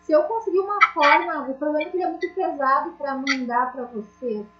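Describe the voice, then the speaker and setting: Chatty woman teacher, high voice, roomy. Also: fairly quick, muffled recording, noisy background. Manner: chatty, jokey, addresses students directly. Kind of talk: online class lecture.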